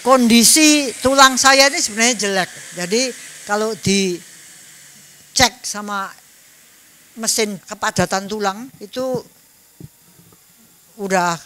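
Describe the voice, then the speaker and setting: A woman's voice: medium pitch, slow, long pauses, a bit bright. A woman, giving a Buddhist Dhamma talk in a chatty storytelling way. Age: 70s. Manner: chatty storytelling, mixing in Javanese words. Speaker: Dhamma speaker.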